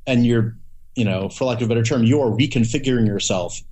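A man's voice: mid-range voice, fast talker, warm tone. A man chatting casually as a podcast guest, rambling with many restarts and playful acted-out asides. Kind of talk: casual conversation.

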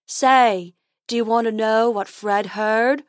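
A woman voicing a silly, stubborn male unicorn who talks slowly. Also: fairly high pitch, steady tone, dry recording, clean studio sound. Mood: gossipy. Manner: slow, dopey.

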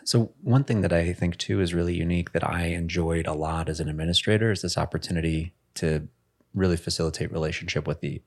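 Man, very low voice, podcast host, measured questions, thoughtful. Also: fairly even intonation. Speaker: podcast host, former administrator. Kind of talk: interview questions.

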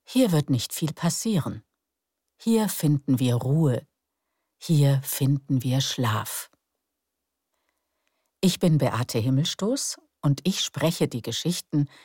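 A woman narrates soothing sleep stories as a podcast host, in a calm, gentle, unhurried way. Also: a bass voice, dry recording, studio quality. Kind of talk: soothing bedtime story narration.

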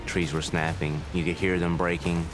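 A man's voice: low-pitched, little pitch movement, normal speed, poor audio. A man in military service recounting his experience in a documentary interview. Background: music.

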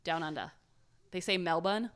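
A young woman tells a story on a casual podcast, wandering into giggly asides as she goes. Her voice sits fairly low yet rings bright and forceful. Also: expressive, moderate pace. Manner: giggly, rambling, chatty asides. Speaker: podcast co-host telling the story.

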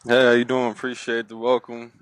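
A young man, a former basketball player, speaking as an easygoing, soft-spoken podcast guest. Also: mid-range voice, completely flat delivery, a little fast. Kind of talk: casual interview.

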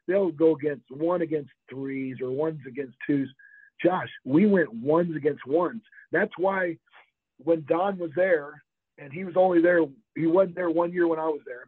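A man's voice: fairly high pitch, husky, no echo. An older man from Florida, a former college football player, telling rambling anecdotes in an interview and laughing often. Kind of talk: interview storytelling. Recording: tinny phone-line sound, dry.

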